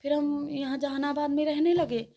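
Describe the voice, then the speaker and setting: A woman with a lilt tells her own story to an interviewer. Her voice sits high, and she rambles a little, often acting out what others said to her. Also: little pitch movement, moderate pace, warm tone. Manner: rambling, quotes others' words. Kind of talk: recounting a personal story.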